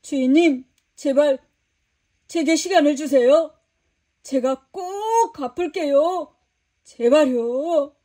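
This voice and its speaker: A woman's voice: sits high, very animated, measured pace. A woman doing a grasping male servant. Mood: pleading. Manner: whiny begging and harsh shouting. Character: grasping male servant, pleading then bullying.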